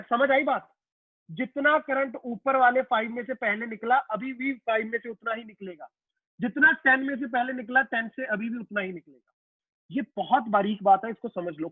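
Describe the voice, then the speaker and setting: Casual male physics teacher with a very high voice, dry, tinny line, talking through a circuit problem with his class. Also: normal speed, breathy edge, dry recording. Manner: repeats himself and voices students' questions to himself; casual, addresses students as "beta" and "yaar". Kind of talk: online class lecture.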